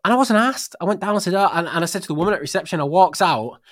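A man's voice: fairly high pitch, racing, no echo, studio quality. A man, hosting a casual podcast chat and telling stories with lots of swearing and restarts. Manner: animated, swearing storyteller with many restarts. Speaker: podcast host.

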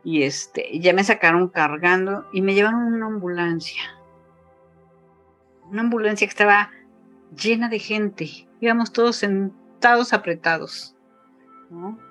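A woman's voice: medium pitch, measured pace, pauses often, fairly bright tone, soft background music. Mexican woman retelling a survival story. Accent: Mexican Spanish. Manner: emotional retelling, voice rising when quoting others, frequent fillers. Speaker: guest. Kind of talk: personal testimony in a casual interview.

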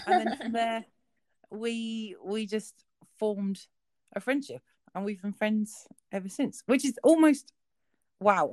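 With a southern English accent, this late-thirties woman co-hosts a laid-back podcast chat and rambles through anecdotes peppered with ums. Her voice is medium in pitch with a darkish tone, and there's no room sound.

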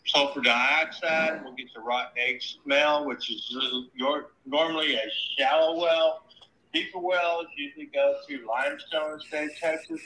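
A man's voice: mid-range voice, pushed and bright, slight background noise. A man heard over a phone on speaker, explaining in a plain, matter-of-fact way with lots of ums and uhs. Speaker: caller, water treatment plant worker. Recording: echoey phone speaker sound.

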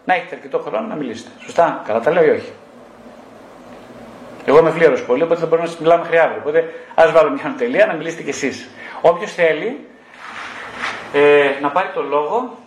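A man's voice: fairly high pitch, pauses often, reverberant, rough recording. A middle-aged man, a psychotherapist speaking to a group, blunt and mockingly scolding, firing rhetorical questions straight at his listeners. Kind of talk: talk to a group.

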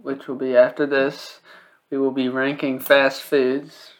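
A man's voice: medium pitch, little pitch movement, a little slow, slight background noise, rough recording. A young man chatting casually and playfully as a podcast co-host, recorded in an attic. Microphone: microphone.

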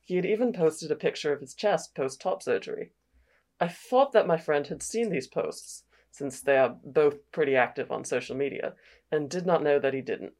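A low, deep-set voice of a woman playing a young man telling his own story. The accent is put on for comedy, loosely Australian and sliding toward northern English. It is read aloud like a confession post. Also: moderate pace, darkish tone. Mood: earnest retelling. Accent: put-on, loosely Australian drifting northern English.

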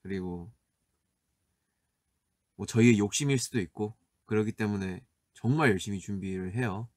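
Mellow guy chatting on his live stream, soft and relaxed, reading out fan questions. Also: fairly low pitch, normal speed, no room sound. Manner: soft-spoken, laid-back, often laughing. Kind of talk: casual live stream chat, answering viewer comments.

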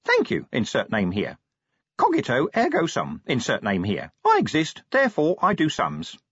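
Man putting on a squeaky eager little imp. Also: wildly swooping pitch, moderate pace, a bit bright, breathy edge, no echo, heavily acted. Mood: eager chirpy. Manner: chirpy, relentlessly polite, eager to please. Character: eager chirpy little male imp gadget. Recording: dull dry studio recording.

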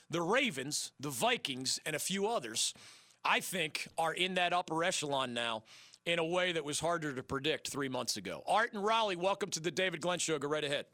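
A middle-aged man hosting a sports talk radio show, emphatic and energetic, with a voice worn from losing it. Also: on the high side, no echo. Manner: energetic, emphatic, quick asides. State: losing his voice.

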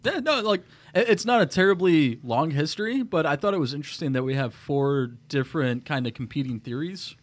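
A man's voice: a little high, animated, fairly quick, few pauses. A man co-hosting a casual podcast, joking crudely and laughing often. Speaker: podcast co-host. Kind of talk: casual chat.

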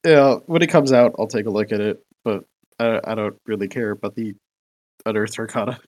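A man in casual chat who rambles and restarts his sentences. His voice sits low. The sound is dry and close. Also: a little fast, darkish tone, no echo. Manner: rambling, many fillers and restarts. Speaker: podcast co-host.

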